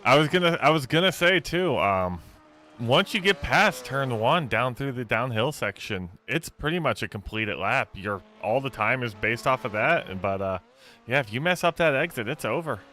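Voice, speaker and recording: A man's voice: medium pitch, normal speed. A man giving color commentary on a race, laid-back and rambling with fillers. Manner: relaxed, rambling analysis with fillers.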